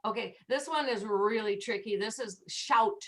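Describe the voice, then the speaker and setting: A woman's voice: fairly high pitch, slow pace, fairly bright tone. A woman teaching English pronunciation in an online class, patiently demonstrating sounds. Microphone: video call.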